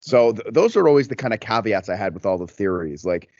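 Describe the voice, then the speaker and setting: A man's voice: fairly low pitch, lively intonation, fast, a little mellow, no echo, lo-fi sound. A man chatting casually as a podcast co-host, often rephrasing as he works through a thought. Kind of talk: casual chat.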